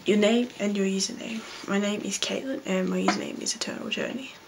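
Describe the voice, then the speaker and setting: A young Australian woman speaking casually and offhandedly in a vlog, reading out prompts and answering them in a low-key way. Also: brisk, gravelly, background noise. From Blue Mountains, New South Wales, Australia. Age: young adult. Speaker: vlogger. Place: small bedroom, indoors.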